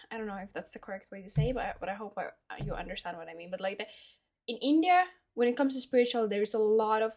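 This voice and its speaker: A young Finnish woman vlogs casually to camera in a personal monologue, hesitant and full of fillers as she searches for words. Her voice is medium-pitched with a darkish tone.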